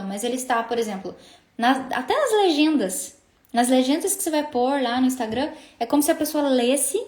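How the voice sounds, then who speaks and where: Brazilian woman, singing business coach, high-pitched, chatty, echoey room. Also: a little mellow. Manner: chatty, frequent tag questions and restarts. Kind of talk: casual live-stream teaching.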